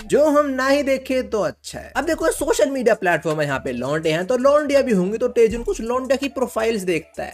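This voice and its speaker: A young man giving a casual, slangy anime recap full of joking asides and English phrases. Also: extremely high pitch.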